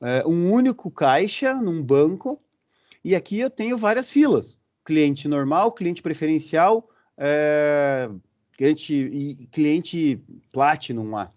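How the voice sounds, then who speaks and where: A man with a Brazilian Portuguese accent gives a recorded university lecture, explaining things step by step and often checking in with the class through short fillers. His voice is fairly high, expressive and darkish, and he speaks at a slow pace. The audio sounds dull.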